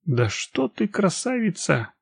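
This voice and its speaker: A man's voice: high-pitched, big pitch swings, takes it slowly, vocal fry, husky, no echo, voice pushed up, exaggerated voice. A man doing a cocky, teasing village lad.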